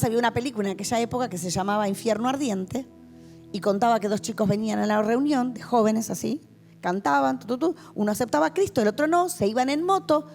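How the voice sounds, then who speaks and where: A woman pastor with a Rioplatense Spanish accent and a slightly high, somewhat mellow voice delivers a passionate testimony sermon. She's addressing a youth meeting in a church hall, telling her story vividly.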